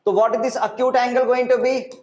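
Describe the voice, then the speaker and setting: A man with an Indian accent teaches an interactive online physics class in a very high-pitched, level, somewhat dark voice at a quick pace. He repeats phrases, mixes Hindi words into English, and frequently asks questions to check students follow. The room sounds echoey.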